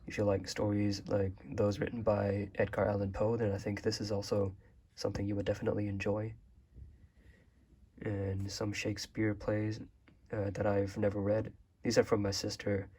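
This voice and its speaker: A young vlogger from Hong Kong, a native Chinese speaker, casually shows off his bookshelf, rambling along with lots of fillers. His voice is lowish and husky, and he talks at a moderate pace.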